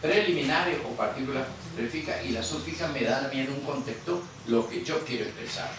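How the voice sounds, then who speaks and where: A man's voice: mid-range voice, noisy background. Man teaching, echoey far room. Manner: explanatory, quizzes students, repeats words slowly. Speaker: guaraní teacher. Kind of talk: classroom lecture. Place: museum classroom.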